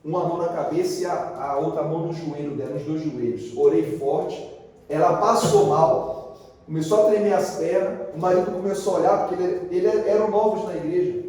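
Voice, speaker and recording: A man with a high but mellow voice preaches in a big church, telling his story vividly and acting out every exchange. His voice rings around a large hall with long reverb, heard from some distance off the mic. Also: brisk. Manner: lively storyteller who acts out the dialogue. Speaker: pastor. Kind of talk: sermon with storytelling. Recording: echoey hall, voice from far off.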